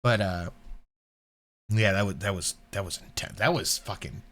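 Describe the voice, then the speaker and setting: A man's voice: sits low, normal speed, fairly bright tone. A man co-hosting a reaction stream with casual, teasing, profane banter as he reacts to a video and chat.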